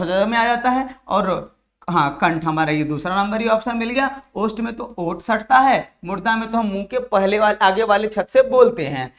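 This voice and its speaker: A man's voice: high-pitched, a bit bright. A man teaching Hindi grammar for an exam, drilling students by asking each question again and again and then answering it himself. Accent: Bihari Hindi. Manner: addresses viewers as dear children. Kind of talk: exam-prep lesson.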